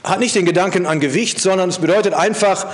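A man giving a calm, verse-by-verse Bible exposition, with phrases that fall low at their ends. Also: fast talker. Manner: steady teaching tone, drops low at the end of sentences. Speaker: Bible teacher.

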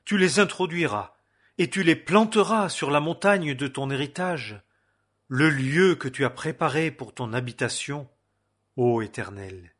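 A man reads scripture aloud in a measured, solemn narration. He takes his time, leaving long pauses between phrases. His voice has a slightly husky, breathy grain. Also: on the high side, animated, a bit bright. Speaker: scripture reader.

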